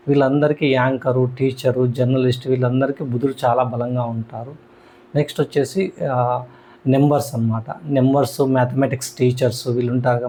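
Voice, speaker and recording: Male astrology teacher, mid pitch, faint hum behind. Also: mellow. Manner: repeats key terms, restarts often. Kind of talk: explanatory lesson talk.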